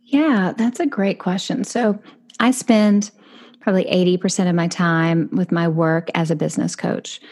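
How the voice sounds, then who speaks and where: A woman author and business coach talking casually in an interview, chatty and animated, jumping into high voices for quoted thoughts. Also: normal speed.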